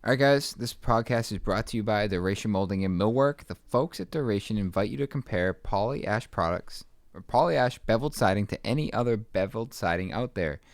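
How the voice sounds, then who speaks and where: Smooth-voiced man reading ad. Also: fairly low pitch, lively intonation, brisk, no echo, clean studio sound. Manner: upbeat ad reads and short reactions. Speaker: podcast host. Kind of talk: casual chat and read ad.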